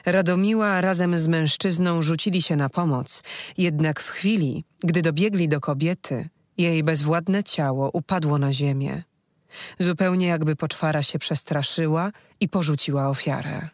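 An audiobook narrator reading a dark folk fantasy story in a steady, measured way. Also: mid-range voice, dry recording, clean studio sound.

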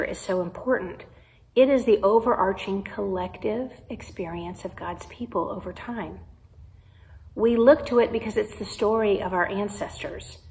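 A woman pastor with a Midwestern American accent, preaching a sermon in a slow, measured way with pauses. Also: mid-range voice, poor audio. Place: church sanctuary.

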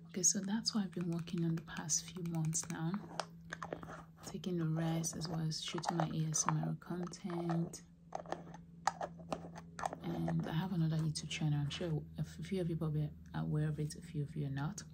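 A woman with a low voice delivers whispered ASMR chat, slipping between breathy whispers and soft speech. She is close to the microphone, and the recording has clear background noise with clicks. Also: little pitch movement, moderate pace. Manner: soft, repetitive trigger words. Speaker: ASMR host.

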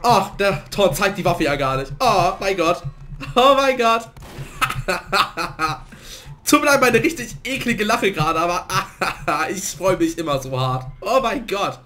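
A man commentating his own gameplay in a let's play, a little hoarse from a cold and prone to excited outbursts. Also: sits high, moderate pace, few pauses, a little hiss or hum. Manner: excitable, swings to loud outbursts and laughter. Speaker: gaming let's player.

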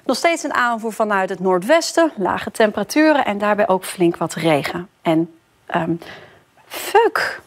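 A woman's voice: medium pitch, expressive, normal speed. A woman presenting a weather forecast in a TV studio.

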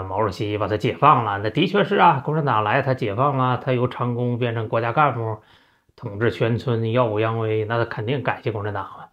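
A man's voice: on the low side, highs cut off. Chatty middle-aged man. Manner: chatty, with frequent drawn-out "啊" fillers. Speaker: host. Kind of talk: storytelling monologue.

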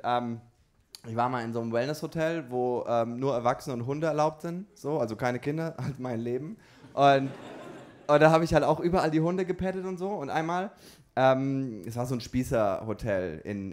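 A male stand-up comedian telling a rambling story live, full of fillers and restarts, who banters with the audience and bursts into shouts at the punchlines. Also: mid-range voice.

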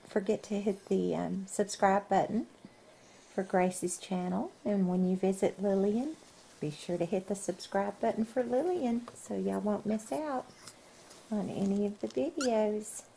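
A woman's voice: medium pitch, unhurried, vocal fry, warm tone, a little hiss or hum. A woman hosting a casual family vlog, cooing and laughing often as she talks. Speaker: vlog host.

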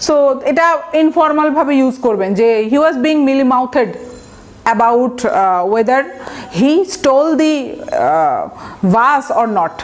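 A woman's voice: sits high, expressive, drawn-out words. A woman from Bangladesh teaching exam vocabulary in a recorded lecture, explaining patiently and spelling words out letter by letter. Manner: mixes English words and example sentences into her explanations.

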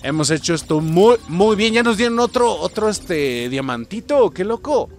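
Young Mexican gaming host, casual and chatty, voice on the higher side, lively delivery. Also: male voice, moderate pace, faint music behind. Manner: excitable, chatty, often calls out to viewers. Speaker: gaming YouTuber. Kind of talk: let's play commentary.

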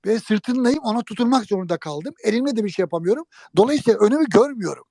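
A man's voice: high voice, fast talker, no echo. A man animatedly telling a funny anecdote to an interviewer, speaking right to his listeners. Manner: lively, jokey storytelling, addresses listeners directly. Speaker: guest telling an old prank story.

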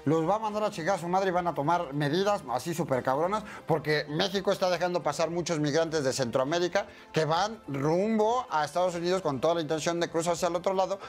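A young man with a Mexican accent and a high voice rants through comedic news, crude and profane at every turn. He jokes constantly and slips into quick voices, with faint music running under him. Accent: Mexican Spanish. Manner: crude, profane, joking, puts on many voices. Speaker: masked comedy news host.

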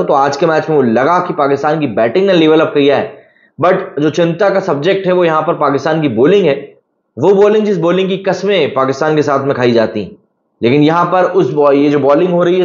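Man, cricket presenter, casual match analysis, chatty, slightly high voice, roomy echo. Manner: chatty, addresses viewers as brother. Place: studio. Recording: echoey, slightly dull room recording.

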